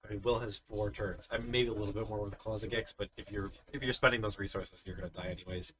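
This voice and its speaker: A man's voice: lowish voice, steady tone, fast, pushed and bright, slight background noise. A man giving live card game commentary, explaining the plays step by step in an analytical way. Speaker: tournament commentator.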